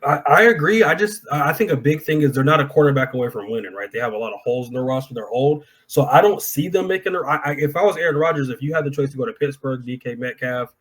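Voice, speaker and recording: A man with an average-pitched voice co-hosts a sports podcast. He gives his analysis informally, in an opinionated, chatty way. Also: expressive, quick pace, few pauses, a bit bright, rough recording. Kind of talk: casual sports analysis chat.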